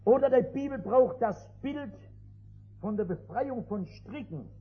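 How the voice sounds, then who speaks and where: An older man preaching an evangelistic sermon to a seated congregation, telling stories emphatically and rising to loud, urgent appeals, with a husky voice. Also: very high voice, lively intonation, measured pace. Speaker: pastor. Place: before a seated congregation in a meeting hall. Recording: dull lo-fi sermon recording.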